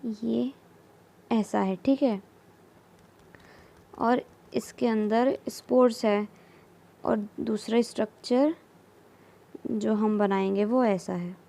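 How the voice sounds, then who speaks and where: Slow, mellow woman teaching. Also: on the high side, fairly even intonation, vocal fry. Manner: slow, repeats terms, mixes English terms into Hindi, frequent "theek hai". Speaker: biology teacher. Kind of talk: explaining while drawing diagrams.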